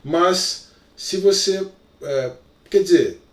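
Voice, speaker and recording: Speaking slowly in a high-pitched voice, a male Greek teacher with a Brazilian Portuguese accent explains material in a recorded lesson. He peppers it with little check-in fillers, and the echoey room makes him sound far off.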